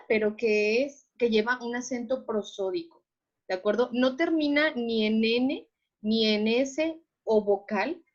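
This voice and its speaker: A woman with a fairly high voice leads an online class, patiently explaining and pausing again and again to ask if everyone is following. The sound is slightly dull and lo-fi, as over a video call. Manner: patient, checks understanding with repeated questions. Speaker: teacher.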